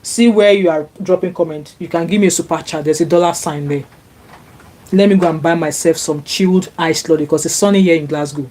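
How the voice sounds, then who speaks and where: A woman with a deep, warm voice and brisk delivery reads viewer comments during a casual live stream. She is Nigerian with Yoruba as her first language, chatty and prone to fillers and restarts, her voice rising in indignation. She streams from home in sunny Glasgow through her laptop's microphone.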